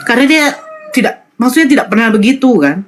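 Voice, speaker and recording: High-voiced woman telling an emotional story. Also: big pitch swings, fast talker. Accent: North Sumatran Indonesian. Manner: earnest storytelling, repeats phrases, acts out quoted dialogue. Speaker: guest telling her conversion story. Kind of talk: emotional personal testimony.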